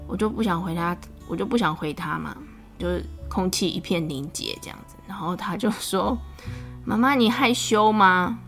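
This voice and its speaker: A woman with a Taiwanese Mandarin accent talks about her young son in a chatty, animated way. She laughs often, and her voice climbs when she gets exasperated. Soft music plays faintly in the background. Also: fairly low pitch, a little fast, creaky. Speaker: podcast host, mother. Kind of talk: casual storytelling monologue.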